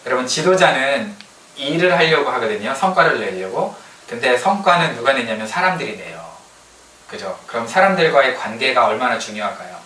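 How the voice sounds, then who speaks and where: A man preaching a sermon as a pastor, in a lively, colloquial way, sometimes acting out what people say. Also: mid-range voice, brisk, slight background noise. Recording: roomy hall sound, distant mic, faint ambience.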